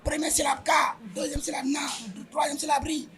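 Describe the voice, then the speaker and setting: High-voiced Senegalese man explaining emphatically. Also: level tone, a little fast, faint music behind. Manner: emphatic, stepwise explaining, often repeats words. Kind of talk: explanatory interview answers.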